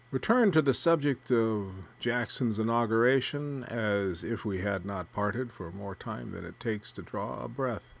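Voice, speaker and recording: A man narrating a literary story, reading prose aloud with a measured, even delivery. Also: mid-range voice, vocal fry.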